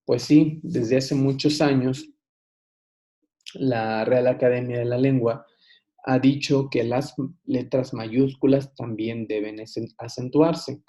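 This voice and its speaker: A man giving a recorded online lesson, unhurried, with frequent hesitations and restarts. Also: mid-range voice, steady tone, dark tone. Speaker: teacher. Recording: dull lo-fi recording.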